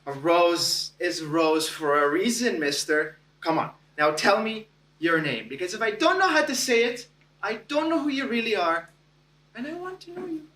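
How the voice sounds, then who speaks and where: A man's voice: high voice, sing-song, moderate pace, bright, forceful tone, exaggerated voice. A man voicing an earnest, curious young woman with a Croatian accent who insists on learning someone's name. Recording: echoey hall from a distance.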